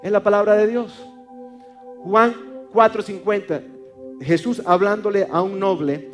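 Brief: Venezuelan male preacher, Maracaibo accent, high voice, halting repeated fillers, faint music under. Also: steady tone. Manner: repeats words and stammers fillers, calls listeners brother. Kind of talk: sermon.

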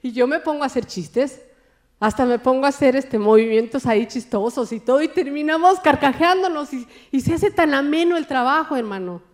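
A woman preaches warmly and playfully, mixing jokes into her sermon. She keeps turning to her listeners as brothers and sisters and swings between soft asides and loud, rousing appeals. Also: sits high, a little fast. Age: adult, married. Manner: jokey and animated, often calls listeners brother. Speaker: lay preacher.

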